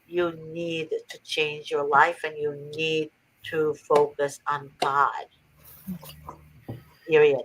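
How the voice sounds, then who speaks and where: A woman's voice: low-pitched, flat delivery, takes it slowly, long pauses, a bit bright, slight background noise, rough recording. A woman from Egypt hosting a faith-based advice talk, earnest and preachy with emphatic repetition. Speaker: host.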